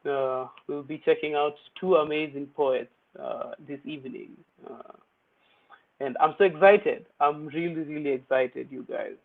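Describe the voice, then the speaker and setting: Here a young man with a slightly high, slightly slow, gravelly voice runs an online poetry open mic. His hosting is loose and playful, switching between English and Swahili slang, and the sound is thin and phone-like.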